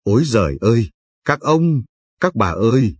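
A man's voice: medium pitch, sing-song, moderate pace, a little mellow, slightly rough, no room sound, studio quality. A man voicing a frightened young peasant woman who shrieks desperate pleas. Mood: terrified.

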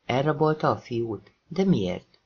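A man's voice: medium pitch, very animated, slightly rough, dull audio. A man voicing a blunt, sardonic female police detective.

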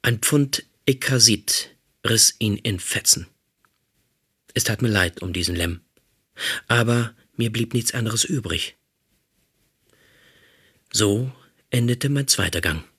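A man giving a calm, measured audiobook narration. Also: on the low side, husky.

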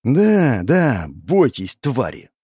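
Gloating young villain's servant, as the narrator puts him on, sneering and triumphant, audiobook figure, lively and raised pitch, dry close sound. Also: male voice, a little fast, no room sound, close to an everyday voice. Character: young man, gloating servant of a dark lord.

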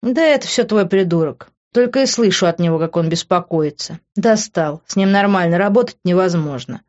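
A woman's voice: lowish voice, moderate pace, darkish tone, dull audio, natural voice. Woman doing an irritable brash young woman. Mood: irritated.

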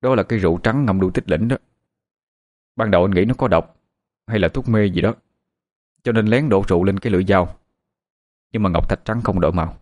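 Man doing a gruff, steady older leader. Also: sits low, brisk, pauses often, natural voice. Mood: earnest. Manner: gruff, matter-of-fact big-brother talk. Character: older male leader, regretful but steady.

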